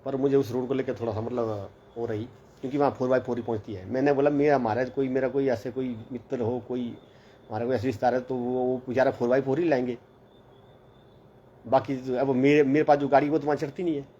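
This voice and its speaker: Casual male vlogger, middle-pitched, rambling storyteller; slightly muffled lo-fi recording with faint background hiss. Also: fairly even intonation, quick pace, dark tone. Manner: rambling, chatty, repeats "bola" and "bhai". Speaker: hostel mess teacher. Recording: slightly dull lo-fi audio with faint background noise.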